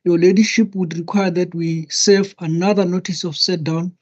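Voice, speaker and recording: A man's voice: high voice, steady tone, moderate pace. Courtly, deferential male advocate, dull call audio. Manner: courtly, deferential, very formal address. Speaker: advocate addressing a judge. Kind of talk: formal courtroom submission. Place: indoor book-lined office on a video call. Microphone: computer microphone on a video call.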